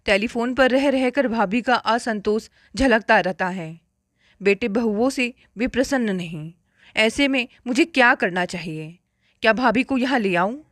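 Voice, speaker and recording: A woman narrating a family story in steady first-person reading. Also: fairly high pitch, a little slow, no room sound, studio quality.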